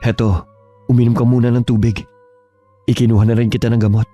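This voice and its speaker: A man playing a gentle, caring husband. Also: mid-range voice, little pitch movement, fast, faint music behind, lightly acted. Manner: gentle, reassuring. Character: caring young husband, steady and protective. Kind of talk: radio drama acting.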